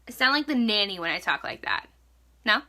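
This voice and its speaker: A woman's voice: mid-range voice, very animated, brisk, sharp tone. A young woman chatting casually at home as she walks through a makeup tutorial, joking and saying "like" a lot. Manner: chatty, joking, filler-heavy "like". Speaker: makeup vlogger.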